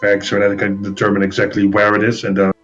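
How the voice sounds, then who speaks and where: A man's voice: on the low side, completely flat delivery, fast talker, soft background music. A man from the United States chatting and joking casually as a player in a tabletop game. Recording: slightly dull, lo-fi sound.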